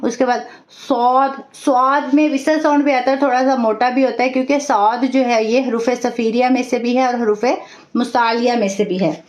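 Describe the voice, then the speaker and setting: A woman teaching an online class, reciting each sound slowly and carefully. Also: high voice. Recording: echoey dull room audio.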